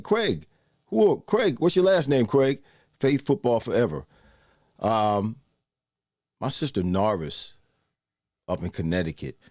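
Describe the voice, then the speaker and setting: A man's voice: lowish voice, a little mellow, dry recording, clean studio sound. A man in his sixties hosting a casual live show, chatting loosely and greeting viewers by name. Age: 60s. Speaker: host. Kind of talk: casual livestream chat with viewers.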